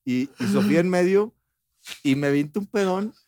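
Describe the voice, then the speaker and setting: A man's voice: high-pitched, normal speed, a little hiss or hum. A man with a Mexican accent, telling bawdy stories as a talk show guest. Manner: bawdy animated storytelling. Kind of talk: casual chat.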